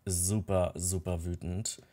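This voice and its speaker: A man's voice: deep voice, little pitch movement, takes it slowly, warm tone. A young man casually commenting on a life-simulation game, telling the characters' quarrels and thoughts in his own voice with frequent fillers. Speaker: Let's Play host.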